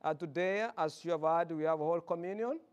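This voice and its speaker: Male pastor preaching, high clear voice, rambling friendly asides. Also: fairly quick. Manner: folksy and chatty, with many asides and repetitions. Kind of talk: sermon. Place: church pulpit.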